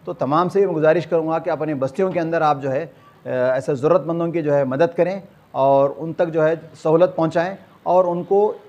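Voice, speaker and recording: An older man from Hyderabad, India, speaks with a Hyderabadi accent in a fairly high, darkish voice. He's a community organiser giving a formal address to camera from a small indoor clinic room, leaning on the same filler phrases again and again.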